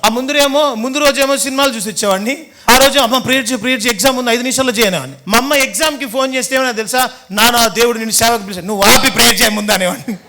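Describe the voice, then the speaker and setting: Fast, bright-voiced pastor telling his story. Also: very high-pitched. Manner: animated storytelling, acting out quoted voices. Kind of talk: sermon testimony.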